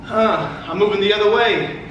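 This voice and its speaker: A man's voice: sits high, moderate pace, highs cut off. A man working as a fitness coach, calling boxing combos in short cues with encouragement during a workout. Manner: short barked cues and encouragement while exercising. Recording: echoey room, distant mic, background noise.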